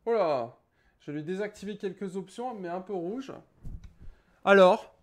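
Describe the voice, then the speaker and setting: A man's voice: high voice, measured pace. A young man casually reviewing a webcam at his home desk, joking, rambling and swearing as he sets it up. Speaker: tech YouTuber. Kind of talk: casual product review vlog.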